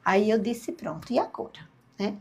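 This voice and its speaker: An older woman, a podcast guest telling her story in a lively way and acting out the dialogue. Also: mid-range voice, moderate pace, husky. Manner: lively storyteller, acts out dialogue, laughs at herself.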